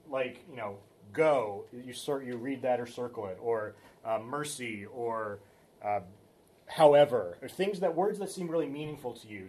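A man's voice: mid-range voice, a little mellow. A man teaching a Bible study in a loose, conversational way, with frequent fillers and restarts. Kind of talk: casual teaching talk.

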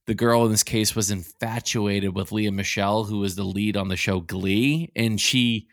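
A man's voice: lowish voice, no room sound, studio quality. A man from Massachusetts, co-hosting a podcast in casual chat, swearing freely and restarting his sentences. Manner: swearing, quick restarts, animated. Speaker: podcast co-host.

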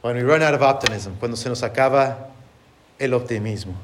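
A man preaching a sermon and translating himself line by line, earnest, with lively rises on key words. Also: mid-range voice, moderate pace, a little hiss or hum. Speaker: pastor.

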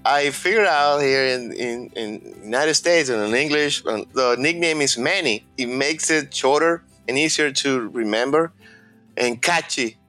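A Venezuelan man whose first language is Spanish, speaking with that accent, tells his own story as an interviewee. He is reflective and halting, often repeating words while searching for them, in a mid-range, pushed, bright voice over soft background music.

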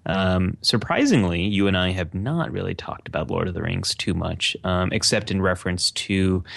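A man's voice: on the low side, creaky, fairly bright tone, no echo. A man co-hosting a podcast, chatting casually and enthusiastically, with lots of fillers and restarts. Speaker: podcast co-host. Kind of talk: casual chat.

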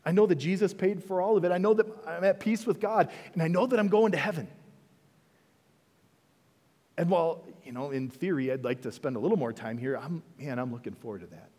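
A man's voice: a little high, quick pace, few pauses, big-room sound. A male pastor preaching a sermon in a church, conversational and full of rhetorical questions. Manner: conversational preaching, rhetorical questions, dips soft then rises.

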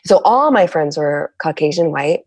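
As a guest on a podcast, a middle-aged San Diego woman offers a candid, reflective conversational interview in a low, steady tone. She often stops and starts over, searching for what to say. The audio is close and dry, with no room sound or echo.

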